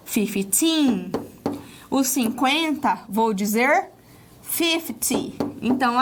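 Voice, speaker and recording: Brazilian woman, high voice, patient English teacher with lots of "ok?" check-ins. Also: background noise. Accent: Brazilian Portuguese. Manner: explains step by step with many "ok?" checks. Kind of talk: recorded lesson.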